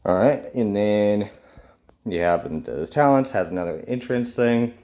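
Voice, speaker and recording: Reading out game character skills and judging them in a relaxed way, this game reviewer fills his speech with fillers and sounds congested from a cold. His voice is fairly low, expressive, and dark, and he speaks a little slowly.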